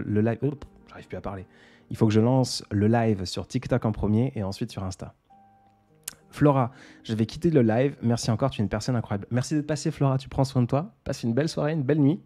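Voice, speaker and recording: Soft-spoken man hosting a livestream. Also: on the low side. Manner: soft-spoken, laughs often, reads out comments. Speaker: livestream host. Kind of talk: casual livestream chat reading comments.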